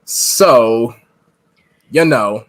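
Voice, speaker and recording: Speaking at medium pitch and drawing out his words, this podcast co-host is a man in his thirties joining a casual live stream by video call from a home room. He frequently laughs and reads out messages from the chat.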